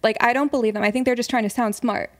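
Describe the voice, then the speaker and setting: A woman's voice: a little high, fairly even intonation, fast. A woman guest on a podcast, chatting breezily and with strong opinions, saying "like" constantly. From United States. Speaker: guest, satire writer. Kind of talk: casual interview chat.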